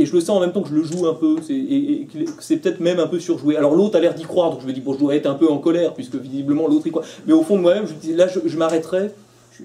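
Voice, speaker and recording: A man's voice: fairly high pitch, dark tone. A man teaching a philosophy class, talking freely and acting out little quotes with many restarts. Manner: conversational, with restarts and acted-out quotes. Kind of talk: live lecture to a class.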